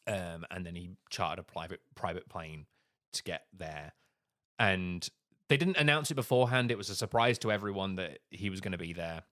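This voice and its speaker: A man co-hosting a podcast, retelling a life story in casual chat with animated asides. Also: low-pitched, a little fast. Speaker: podcast co-host.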